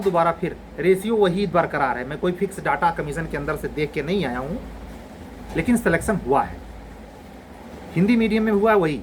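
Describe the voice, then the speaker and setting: A man's voice: sits high, slight background noise, rough recording. Blunt, exasperated man lecturing students. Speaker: exam coaching teacher. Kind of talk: scolding lecture to exam aspirants.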